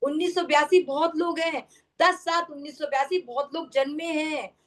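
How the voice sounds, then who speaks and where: A woman's voice: sits high, fairly even intonation, normal speed. A woman teaching a numerology class over a video call, explaining at length and often checking that her students follow. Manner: explanatory, keeps checking understanding with questions. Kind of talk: online class lecture.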